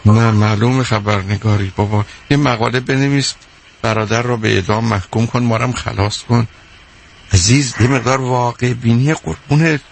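A man's voice: mid-range voice, vocal fry, slight background noise. A middle-aged man hosting a radio call-in advice show, answering a caller bluntly with sarcasm and teasing.

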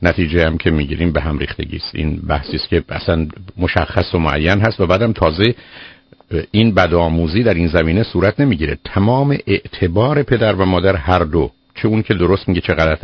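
A man's voice: low voice, breathy edge, dry recording. A man hosting a call-in advice show on the radio, firm and lecturing, cutting in on the caller. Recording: dull lo-fi radio broadcast.

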